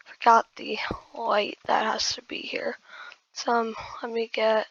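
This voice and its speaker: A woman's voice: a little high, a bit bright, dry recording. A woman hosting a casual gaming build tutorial, rambling and muttering asides to herself. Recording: dull lo-fi dry recording.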